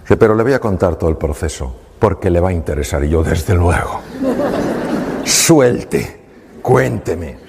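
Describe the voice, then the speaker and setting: A man's voice: sits low, brisk, creaky, few pauses, a little hiss or hum. Man telling a story in a hall. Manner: animated, acts out dialogue. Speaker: doctor telling a patient story on stage. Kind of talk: storytelling talk.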